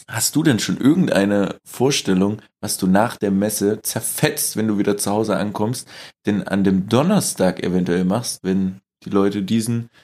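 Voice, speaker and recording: A man's voice: lowish voice, darkish tone. A man co-hosting a podcast, chatting loosely and laughing often, recorded in a hotel room. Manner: laughs often, rambling storytelling. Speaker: podcast co-host. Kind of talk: casual chat.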